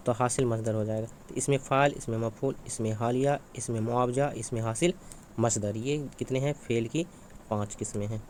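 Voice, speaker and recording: A man's voice: mid-range voice, fairly even intonation, brisk, a little mellow, a little hiss or hum. Man drilling exam questions aloud. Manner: repetitive, asks and answers his own questions. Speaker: exam-prep teacher.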